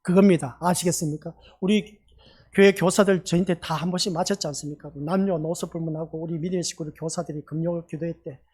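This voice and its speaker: A man preaches a Sunday sermon in his church with a slightly husky, breathy voice. He talks emphatically, pausing to throw rhetorical questions at the congregation. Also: fairly high pitch, steady tone, a little mellow. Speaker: pastor. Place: church sanctuary.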